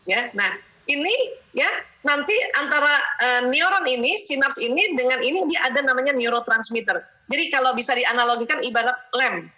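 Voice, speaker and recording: A middle-aged woman giving a lively parenting seminar talk, acting out little parent and child exchanges. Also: on the high side. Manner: animated, acts out parent and child lines.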